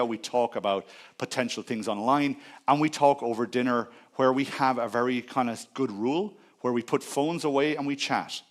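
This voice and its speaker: A middle-aged man giving a conference talk, telling personal stories in an earnest way. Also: medium pitch. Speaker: conference speaker. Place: conference stage.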